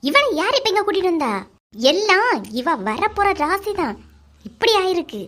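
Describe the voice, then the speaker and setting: A woman with a Kanyakumari accent playing a sharp-tongued, complaining middle-aged aunt in a comedy skit. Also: very high-pitched, very animated, normal speed, heavily acted. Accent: Kanyakumari Tamil. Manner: scolding, complaining. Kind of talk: acted village family drama.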